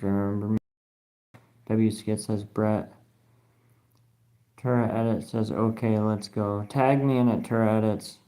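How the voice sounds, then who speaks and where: With a lowish, mellow voice, a man livestreaming from his phone reads comments from viewers, rambling along in slang, swearing offhandedly and spelling each name out letter by letter.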